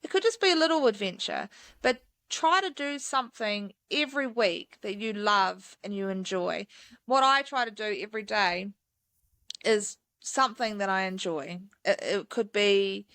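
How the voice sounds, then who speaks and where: A woman's voice: medium pitch, moderate pace, a bit bright, dry recording. A woman, a mountain guide chatting enthusiastically as a podcast guest, with lots of fillers. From New Zealand. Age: 30s. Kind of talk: casual interview chat.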